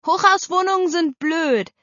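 A woman voicing an eager young girl who talks high and pleading, in a storybook reading. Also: measured pace, a bit bright, no echo. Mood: excited. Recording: slightly dull dry recording.

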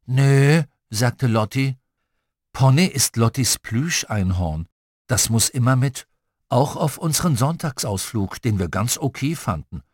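A lively, expressive man reading a children's story. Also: mid-range voice, unhurried, no echo, studio quality. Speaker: audiobook reader.

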